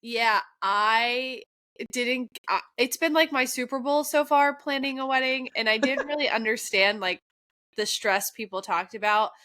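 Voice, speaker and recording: A young woman co-hosting a casual podcast chat, her voice nasal and congested from allergies, chatty and quick to laugh. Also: a little high, no echo. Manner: lively, chatty, laughs often. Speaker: podcast co-host.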